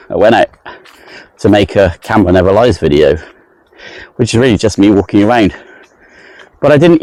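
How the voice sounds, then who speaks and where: A man's voice: fairly low pitch, a little mellow, no echo. A man talking casually to his camera while walking outdoors around a lake in the heat, rambling and self-deprecating. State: sweaty in the heat. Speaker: travel vlogger. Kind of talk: casual walking vlog monologue.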